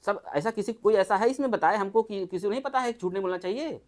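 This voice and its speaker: Doctor, mid-pitched, casual group health talk, keeps firing rhetorical questions. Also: fast talker. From Uttar Pradesh, India. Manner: chatty, asks the listeners many rhetorical questions.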